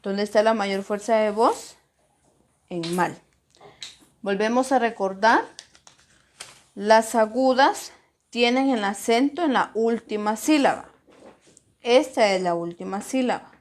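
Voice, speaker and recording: Woman schoolteacher, unhurried, a bit high-pitched, spells out syllables for young pupils. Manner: slow, deliberate, stresses syllables when modeling words. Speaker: primary school teacher. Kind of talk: recorded grammar lesson.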